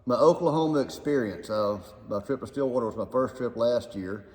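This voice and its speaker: Fast-talking Southern man echoing in a barn. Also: mid-range voice, a little mellow. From Alabama, US South. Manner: fast-talking, self-deprecating. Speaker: guest speaker. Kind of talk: casual faith chat. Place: inside a barn. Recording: echoing inside a barn, long reverb.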